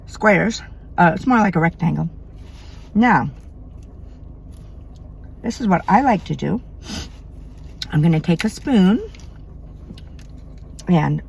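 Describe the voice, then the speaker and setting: A woman's voice: mid-range voice, vocal fry, a little mellow, slight background noise. A middle-aged woman from Maine chatting casually between bites in an eating vlog at home at night. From Maine, USA. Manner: chatty, eats between sentences. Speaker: mukbang vlogger.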